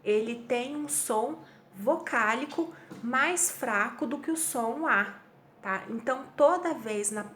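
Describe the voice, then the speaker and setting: A woman's voice: fairly high pitch, takes it slowly, fairly bright tone, a little hiss or hum. A Brazilian woman teaching a Portuguese grammar review class, explaining patiently and checking in with her students often.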